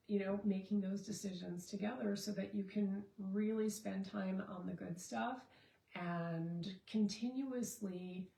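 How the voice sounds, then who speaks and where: A woman's voice: medium pitch, creaky, dark tone, echoey room, low-quality recording. A middle-aged woman, a relationship and marriage coach, talking casually and rambling with many fillers and restarts. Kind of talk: casual Facebook Live talk.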